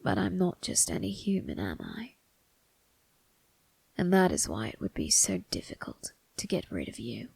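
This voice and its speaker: Woman as the Undertaker, gravelly whispering reaper. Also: very deep voice, huge pitch swings, a little mellow, no room sound, exaggerated voice. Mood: amused, menacing. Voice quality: breathy, gravelly, often dropping to a whisper. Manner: slow, theatrical, teasing, morbidly musing. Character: sinister, amused retired grim reaper undertaker, ageless male. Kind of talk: ASMR roleplay monologue. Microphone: close microphone, dry.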